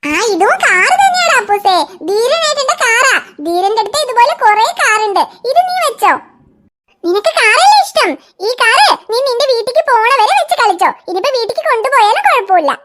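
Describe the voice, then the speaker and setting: A woman voicing a kindly, cheerful young aunt in a cartoon, bright and chuckling as she helps with a toddler. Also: very high voice, expressive, quick pace, hardly any pauses, a little hiss or hum. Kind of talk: cartoon dialogue.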